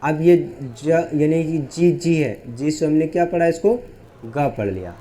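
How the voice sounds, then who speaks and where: Male tutor, warm tone, quizzes the class and answers himself, spells words out slowly. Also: on the high side, fairly even intonation. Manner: asks questions and answers them himself. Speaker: English teacher. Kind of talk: whiteboard phonics lesson.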